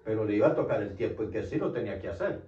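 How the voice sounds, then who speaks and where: Speaking very fast in a lowish, warm voice with lively intonation, a man delivers a Bible study sermon with great earnestness. He repeats himself and keeps asking his listeners "¿cierto?", captured on a distant, roomy, dull lo-fi recording.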